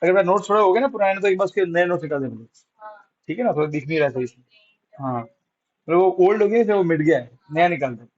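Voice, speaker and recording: A man's voice: high-pitched, lively intonation, fast, muffled recording. A male science teacher, teaching a classroom physics lesson, coaxing students and answering his own questions.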